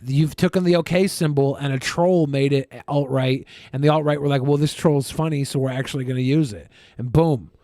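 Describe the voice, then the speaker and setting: A man's voice: medium pitch, warm tone, no room sound, clean studio sound. A man co-hosting a show with casual, profane and mocking comic commentary. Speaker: co-host.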